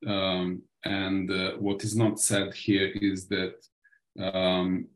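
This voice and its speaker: A man from Serbia speaks very slowly and haltingly in an online meeting, searching for his words. His voice is lowish and sounds roomy over the call. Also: completely flat delivery. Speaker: meeting participant. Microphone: video call.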